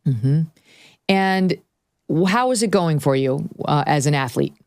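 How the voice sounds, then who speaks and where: A woman with a low, steady voice hosts an interview and reads ads. She asks brisk, direct questions. The sound is close and dry. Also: no echo. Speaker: host.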